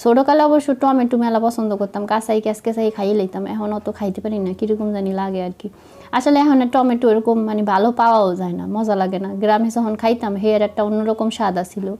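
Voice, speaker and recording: A young woman with a Madaripur Bengali accent, chatting to viewers while she cooks, slightly hoarse from a cold and making fun of herself. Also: medium pitch, quick pace, dark tone. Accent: Madaripur Bengali dialect. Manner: chatty, self-mocking, talks to viewers while cooking. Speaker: vlogger. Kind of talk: casual cooking vlog narration.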